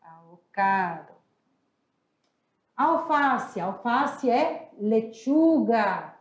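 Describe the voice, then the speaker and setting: A young Brazilian woman teaching a Spanish class, lively and slow, repeating each word to drill it. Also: fairly high pitch. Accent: Brazilian Portuguese. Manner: lively, drills words slowly and repeats them. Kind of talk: recorded online class. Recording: echoey room, dull lo-fi audio.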